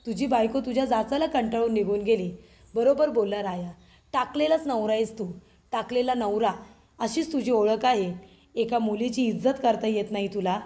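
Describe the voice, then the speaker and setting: Woman with a dark, mellow voice. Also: a little high. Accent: Marathi. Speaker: serial episode recap narrator. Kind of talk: voice-over recap, reading characters' lines.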